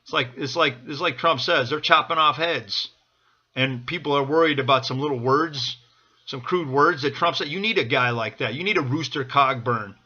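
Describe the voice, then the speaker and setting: A man's voice: medium pitch, normal speed, pushed and bright, breathy edge, lo-fi sound. A man from the United States giving an impassioned off-the-cuff pep talk as a political supporter, urging listeners on and repeating his phrases. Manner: urgent, exhorting, repeating phrases.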